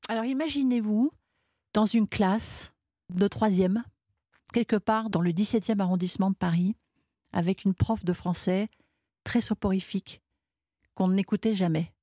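A woman's voice: mid-range voice, moderate pace, long pauses, dark tone, dry recording, clean studio sound. A woman author giving candid, thoughtful answers as a guest in a radio interview.

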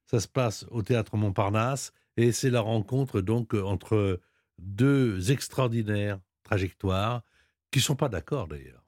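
A man hosting a radio show, presenting a quiz question and interviewing a guest in a brisk, lively way. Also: on the low side, no room sound, studio quality. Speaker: radio host running a quiz.

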